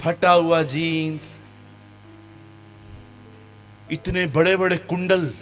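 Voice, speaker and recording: A man's voice: on the high side, lively intonation, moderate pace, faint music behind. A man preaching a sermon as pastor in a church meeting, joking with the congregation and mimicking its members.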